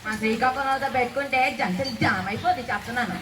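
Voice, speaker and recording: A woman's voice: on the high side, fast, very noisy. A woman with a Srikakulam Telugu accent, bragging teasingly in a comedy skit. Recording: echoey, far from mic, loud crowd.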